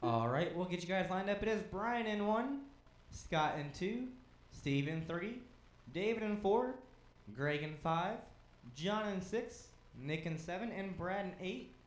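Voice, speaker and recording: A man directing a race, calling out lineups, cautions and standings in brisk, clipped commands. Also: sits high, expressive, echoey room, rough recording. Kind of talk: live race calling over a PA.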